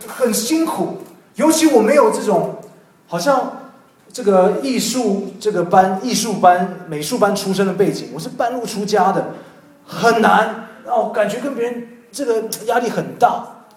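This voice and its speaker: A man preaching a sermon and sharing a personal testimony, animated, swinging between loud emphasis and soft, intimate prayer. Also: high voice. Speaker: pastor. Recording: echoey room from some distance.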